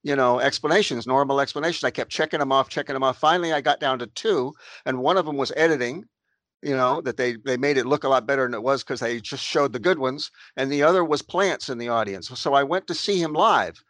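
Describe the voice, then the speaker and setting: A man in casual conversation, thinking out loud, repeating phrases and often giving short agreements. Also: mid-range voice, fast, dry recording.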